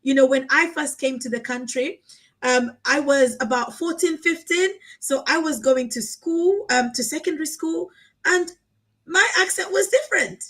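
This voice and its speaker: A woman from Africa hosting a casual live conversation, talking in an animated, encouraging way and repeating phrases for emphasis. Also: high voice, moderate pace, poor audio. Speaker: host.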